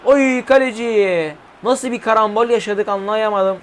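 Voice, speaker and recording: Young male gamer, high voice, excitable commentary of his own match, shouts at goals. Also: measured pace. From Turkey. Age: 20s. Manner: excitable, yelling player names at goals, swearing at the game. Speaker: gaming YouTuber. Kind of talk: live mobile football game commentary.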